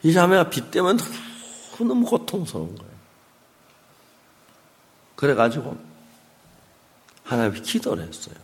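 A male pastor with a preaching a sermon, telling a testimony story in an animated way and acting out voices. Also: a little high, normal speed, long pauses.

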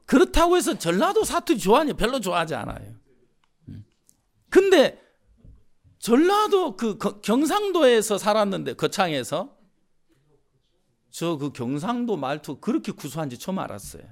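Animated middle-aged Korean pastor preaching. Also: male voice, high-pitched, moderate pace, pauses often. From Jeolla, Korea. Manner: animated storytelling, acting out voices. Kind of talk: sermon.

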